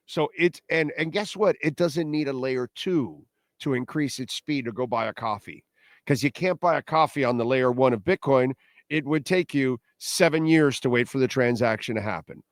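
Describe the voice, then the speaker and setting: A man with a mid-pitched voice hosts a show in a casual, opinionated monologue. He talks straight to viewers, blunt and emphatic, repeating points and throwing out rhetorical questions. The sound is dry and close, with little room to it. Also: dry recording. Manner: blunt, self-deprecating, salty slang. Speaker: host of a crypto show.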